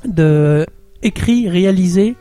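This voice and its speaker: A man's voice: high-pitched, slow pace, dark tone, clean tone, faint music behind. A man co-hosting a casual podcast, presenting a film without notes and correcting himself as he goes. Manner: unscripted, hesitant, corrects himself. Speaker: podcast co-host.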